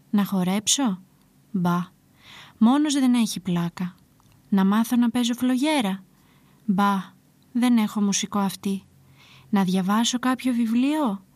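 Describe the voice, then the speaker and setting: A woman voicing a bored, mischievous young male shepherd who shouts excitedly. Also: medium pitch, dry recording, natural voice.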